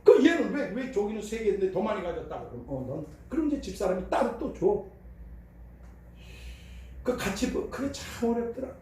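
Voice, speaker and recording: A man's voice: high voice, dark tone. An older man, a pastor, preaching a sermon in a conversational storytelling way, heard in a church sanctuary. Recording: echoey hall, voice from far off.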